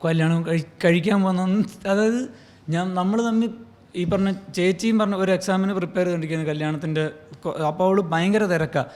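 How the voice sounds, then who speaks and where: A man with a Malayali accent telling personal stories in a casual chat among friends. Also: sits high. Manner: fast, animated storytelling. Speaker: comedy podcast panelist.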